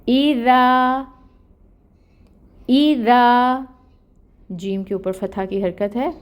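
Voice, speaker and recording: A woman with a warm, creaky, mid-range voice teaches the rules of Quran recitation. In this step-by-step tajweed lesson, she patiently explains each letter.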